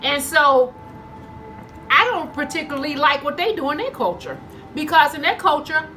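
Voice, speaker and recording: Over soft background music on a low-quality recording, a mukbang vlogger talks at normal speed in a high-pitched, expressive, pushed and bright voice. She eats as she tells y'all stories, acting out dialogue and chewing between phrases.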